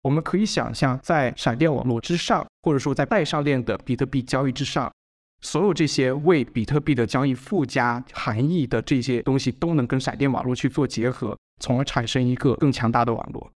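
A man's voice: medium pitch, a little fast. A man explaining technical ideas on a podcast in long, methodical stretches, often rephrasing as he goes.

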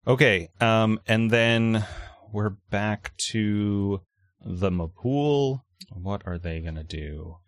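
A man running a tabletop role-playing game, narrating the action in a halting, improvised way. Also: fairly low pitch, dry recording, clean studio sound. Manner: halting, hesitant delivery. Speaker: game master.

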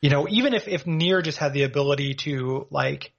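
A man's voice: on the high side, fairly quick, creaky, dull audio. A man co-hosting a podcast, chatting casually about a video game in a rambling way and laughing at his own jokes. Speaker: podcast co-host.

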